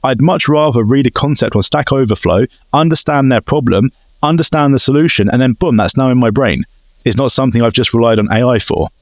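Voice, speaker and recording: A podcast co-host tells stories in a casual chat, animatedly acting out both sides of conversations. His mid-range voice is a little fast, and the recording has no room sound.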